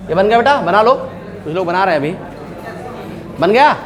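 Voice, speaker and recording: A man's voice: high voice, expressive, unhurried. A middle-aged man teaching accounting in a classroom, mixing English terms into his talk and checking in with his students. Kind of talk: classroom lecture.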